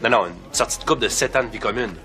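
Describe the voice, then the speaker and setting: A man's voice: fairly low pitch, lightly acted. An actor with a Quebec French accent playing a wry, sarcastic young father in a sitcom. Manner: quick, sarcastic comic delivery. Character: wry, fast-talking young dad. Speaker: father seeking a babysitter. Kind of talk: sitcom acting. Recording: loud background noise.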